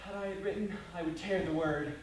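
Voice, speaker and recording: A woman's voice: fairly low pitch, fairly even intonation, brisk, natural voice. Romeo, earnest young male lover played by a woman, recorded from far off in an echoey hall. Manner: declaiming verse. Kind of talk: stage recitation of verse. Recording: echoey hall, distant mic, noisy.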